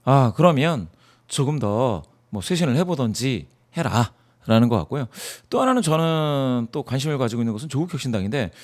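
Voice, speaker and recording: A man's voice: medium pitch, expressive, brisk. A man in a studio interview, explaining poll data emphatically and asking himself rhetorical questions. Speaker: poll analyst guest.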